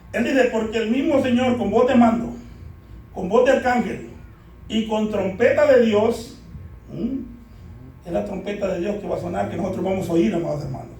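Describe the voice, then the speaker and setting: Male preacher, very high voice, call-and-response sermon, recorded in a very reverberant church. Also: a little mellow. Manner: keeps calling out "amados hermanos" and asking the congregation to answer. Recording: echoey church hall, distant from mic.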